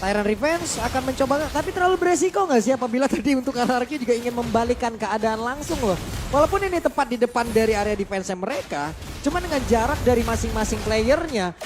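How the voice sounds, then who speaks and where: A woman's voice: a little high, expressive, quick pace. A woman with an Indonesian accent giving casual esports commentary as a co-caster. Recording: loud music behind the voice. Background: music.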